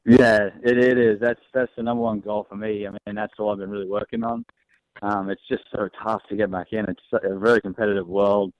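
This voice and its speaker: This racing driver's voice sits fairly low, with an even tone and a fairly quick delivery. Young and easygoing, he laughs often during the phone-in radio chat, and his accent mixes Australian with American. The audio is dry and dull, like a phone line.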